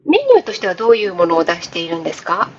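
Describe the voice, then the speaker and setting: A woman's voice: on the low side, very fast, highs cut off, slight background noise. A woman with a Kansai accent, hosting a casual radio interview over a video call. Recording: video call with faint music.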